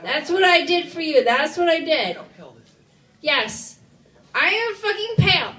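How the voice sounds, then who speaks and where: A woman's voice: extremely high pitch, big pitch swings, a little slow. A drunk woman doing a rambling stand-up comedy set, talking loosely and swearing. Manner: loud, tipsy, rambling with lots of "like" and swearing. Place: comedy club stage. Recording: roomy club sound from a distance.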